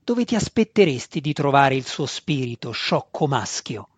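A man's voice: medium pitch, sing-song, normal speed, slightly rough, dry recording. A man growling as a menacing monstrous handmaiden. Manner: growling, imperious. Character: menacing female spider-goddess handmaiden creature. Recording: dull, dry sound.

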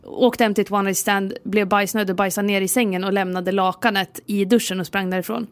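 A young woman in casual podcast chat who reacts playfully and teases her co-host. Her voice has a middle pitch and is recorded dry and close, with no room sound. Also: fairly even intonation, no room sound.

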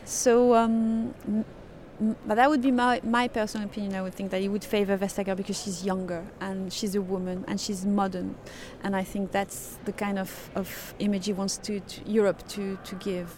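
A woman's voice: medium pitch, flat delivery, moderate pace, darkish tone, slight background noise. A woman journalist with a French accent, answering interview questions in English with frequent restarts and hesitations. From France. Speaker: radio journalist.

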